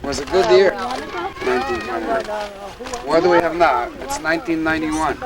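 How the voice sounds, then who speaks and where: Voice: medium pitch, normal speed, low-quality recording. A speaker in their sixties chatting on a home video at an outdoor picnic, playfully quizzing others with questions. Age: 60s. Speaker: picnic guest. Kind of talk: casual home-video chat. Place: outdoor picnic in a canyon park. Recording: home camcorder outdoors, loud crowd. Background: loud crowd of picnickers.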